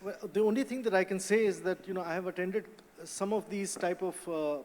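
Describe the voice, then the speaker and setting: A man on a conference panel answering a question in a measured, reflective way, with many fillers. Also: sits high, darkish tone. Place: conference hall. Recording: long reverb of a hall.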